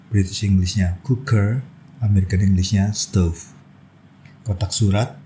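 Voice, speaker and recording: Man, English teacher, slow word-by-word lesson, faint hiss behind. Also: low-pitched, poor audio. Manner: slow, steady listing of word pairs. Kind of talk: vocabulary lesson narration.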